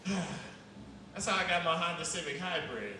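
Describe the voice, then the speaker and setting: A high-pitched man works through a loose, rambling stand-up set, jumping into loud outbursts now and then. He sounds distant from the mic, and his voice rings through a very echoey club. Steady background noise sits under the whole recording. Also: moderate pace. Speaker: stand-up comedian. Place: comedy club stage.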